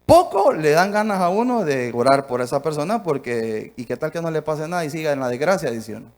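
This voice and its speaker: A man from Honduras preaching a sermon emphatically, asking rhetorical questions and swinging between soft and loud delivery. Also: a little high, very animated, brisk.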